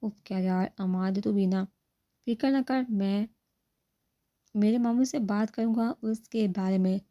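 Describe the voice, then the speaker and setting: A woman reading the part of a calm, teasing young man who reassures his friend, in a storybook narration. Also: medium pitch, highs cut off, natural voice.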